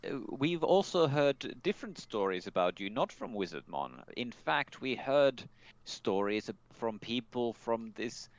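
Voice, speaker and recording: Male player, chatty and halting, voice swinging up and down. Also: mid-range voice, no room sound, dull audio. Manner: hesitant, restarts often, animated. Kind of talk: casual tabletop play.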